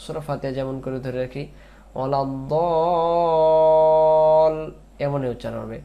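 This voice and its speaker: A man teaching Quran recitation, drawing out the verses in a slow chant between spoken explanations. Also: mid-range voice, fairly even intonation, creaky, muffled recording. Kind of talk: tajweed lesson with chanted recitation.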